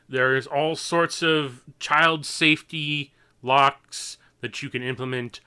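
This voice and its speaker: A man's voice: a little high, bright, forceful tone, smooth. A young adult man giving an unscripted, earnest and exasperated opinion as an online creator, often stammering and repeating words as he restarts.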